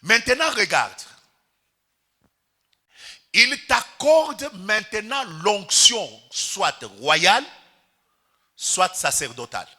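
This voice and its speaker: A man's voice: sits high, very animated, slow, pauses often, bright, forceful tone. A Congolese pastor preaching a sermon in church, calling out to the congregation and stretching his key words for emphasis. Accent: Congolese French.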